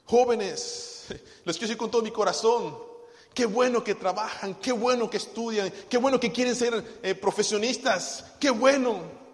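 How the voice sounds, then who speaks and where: A man's voice: high-pitched, normal speed. A man, a pastor preaching a fervent sermon, speaking straight to the congregation. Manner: fervent, addresses the congregation directly and acts out everyday scenes. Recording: long hall reverb.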